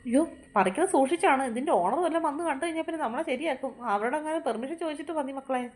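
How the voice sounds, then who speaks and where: Woman playing a worried old granny in a kids drama, super high voice, talks really fast, keeps fussing. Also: lively intonation. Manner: anxious, exclaiming. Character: worried elderly grandmother, fretting over the children. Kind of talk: Malayalam kids' fan drama.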